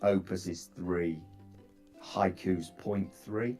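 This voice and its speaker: A man chatting casually about coding setups, bouncing between thoughts with lots of fillers and restarts. His voice sits a little low and comes through a laptop microphone, with faint guitar music in the background. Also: fairly even intonation, slow, warm tone. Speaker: software developer chatting on a call. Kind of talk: casual chat.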